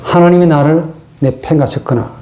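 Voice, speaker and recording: A man's voice: a little high, moderate pace, dark tone. A man giving a theology lecture in an earnest, preacherly way, often putting rhetorical questions to his listeners.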